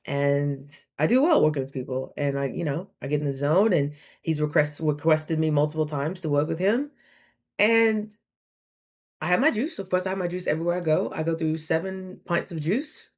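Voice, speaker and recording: Chatty woman in her thirties, lowish voice. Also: moderate pace. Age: 30s. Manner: animated, chatty, acts out both sides of conversations. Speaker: vlogger. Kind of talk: casual storytelling to camera.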